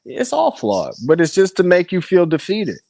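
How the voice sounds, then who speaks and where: A man's voice: high voice, huge pitch swings, moderate pace, creaky, a little mellow, no room sound. A man, a musician guest on a podcast, talking in a laid-back, candid way. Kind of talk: casual interview chat.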